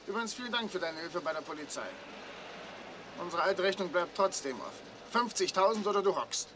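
An actor playing a shifty, cocky young blackmailer in a 1960s German crime series. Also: male voice, high voice, lively intonation, fairly quick, noisy background. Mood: cocky, threatening.

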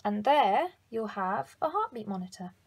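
A young woman explaining a method step by step, in quick, repetitive instructional phrasing. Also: medium pitch, lively intonation, husky. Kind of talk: step-by-step demonstration.

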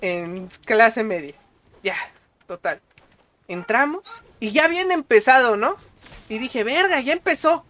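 A man with a Mexican accent reviewing a movie on a casual stream, excitable and full of slang and swearing. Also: high-pitched, takes it slowly, long pauses.

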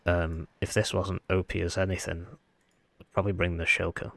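A man with a croaky, froggy voice, sounding unwell, giving casual game commentary as he thinks aloud. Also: low voice, flat delivery, normal speed, a bit bright, no room sound. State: under the weather, sick voice. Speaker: gaming video host.

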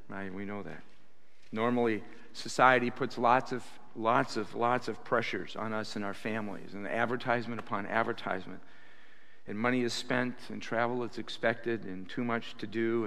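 Standing at the pulpit of a church sanctuary, a pastor in his sixties delivers an animated sermon into a stand mic, punctuated by loud bursts of acted quotation. He speaks at a moderate pace in a lowish voice with vocal fry, and the hall echoes around him.

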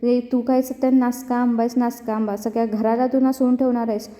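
A bitter, scolding mother-in-law who hurls insults, as a woman reads her part. The voice sits high with a very dark tone. The recording is dull and echoes. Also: little pitch movement, fairly quick, natural voice. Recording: dull, reverberant room recording.

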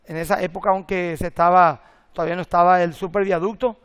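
A middle-aged man, a pastor preaching a sermon and telling lively stories with acted-out quotes and jokes. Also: sits high, fast talker, smooth. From Paraguay.

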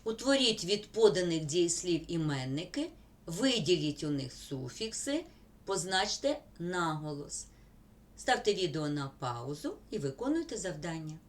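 A woman teacher, slowly dictating word examples in a school grammar lesson. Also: fairly low pitch, big pitch swings.

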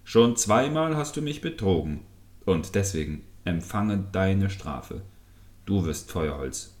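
A grumpy fisherman loses his temper and threatens his own fishing hook in a storybook tale, as a man puts him on. The voice is very deep and low, and it sounds scolding and threatening. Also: expressive, takes it slowly. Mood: angry. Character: grumpy, hot-tempered adult male fisherman.

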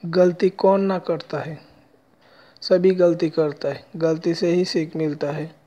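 A man telling a personal story with a moral in a slow, halting way, with many pauses. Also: a little high, steady tone, mellow. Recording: dull lo-fi recording.

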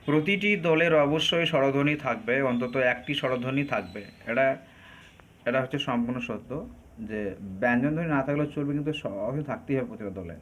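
A man teaching an exam-prep grammar lesson, drawing out example words and pausing to hesitate often. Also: medium pitch, a bit bright. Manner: slow, drawn out over example words, frequent hesitations.

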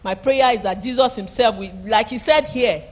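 A woman's voice: a little high, moderate pace. Woman, middle-aged, pastor, sermon, emphatic, repeats key words, handheld mic. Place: church stage at a pulpit. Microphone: handheld microphone.

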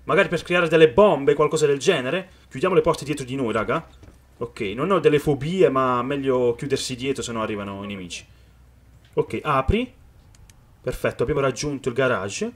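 A man giving excited let's-play commentary on a video game, reading the game's dialogue aloud and talking straight to his viewers. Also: medium pitch, normal speed. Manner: excited, calls viewers "raga" often. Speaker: gaming youtuber.

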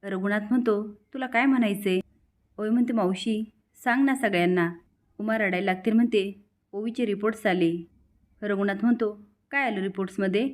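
A woman's voice: mid-range voice, brisk. A woman narrating a recap of a television serial episode, voicing the characters' lines with light emotion. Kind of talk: storytelling recap with quoted dialogue.

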